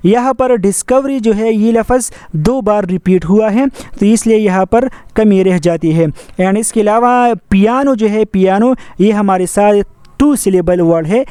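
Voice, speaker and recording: A male English teacher walks through grammar rules methodically, repeating each pattern. His voice sits high yet sounds mellow and smooth. The recording is dry and close. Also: no room sound. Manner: repetitive, methodical, mixes English terms into Hindi-Urdu. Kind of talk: grammar lesson explanation.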